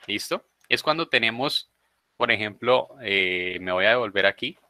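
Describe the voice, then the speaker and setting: A man's voice: lowish voice, expressive, normal speed, bright, forceful tone. A male teacher leading an online English class, patiently explaining rules step by step.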